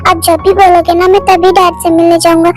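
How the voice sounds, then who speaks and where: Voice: very high-pitched, little pitch movement, fairly quick, soft background music. A voice actor playing a stubborn little boy in an amateur fan dub, whining and pleading to see his father. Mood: apologetic. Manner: whiny, pleading.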